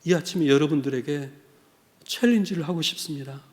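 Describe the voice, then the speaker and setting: A middle-aged man preaches in a church sanctuary. His voice sits a little high for a man, and a long reverb from the hall trails every phrase. He shifts between hushed storytelling and passionate, rising appeals. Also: fairly quick. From South Korea. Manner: builds from quiet storytelling to fervent exhortation. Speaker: missionary preacher. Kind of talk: sermon.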